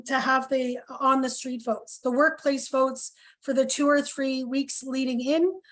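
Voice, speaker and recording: A woman organizer presenting at a town hall over a video call, earnest with many pauses and fillers, losing her voice. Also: sits high. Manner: earnest, lots of ums and questions. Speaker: health coalition organizer.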